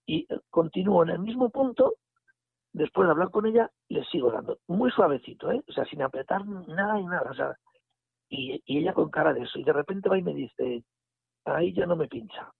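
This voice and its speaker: A man, telling a story in a casual, animated way and acting out the dialogue. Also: on the high side, brisk, vocal fry, breathy edge, no room sound. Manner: animated retelling with quoted dialogue and restarts. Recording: phone line audio.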